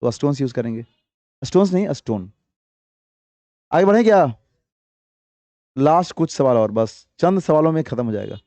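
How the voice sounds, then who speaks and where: With a warm, animated, mid-range voice, a man teaches a class English grammar, reading sample sentences slowly, explaining them briskly, and quizzing students over and over. No room sound is audible.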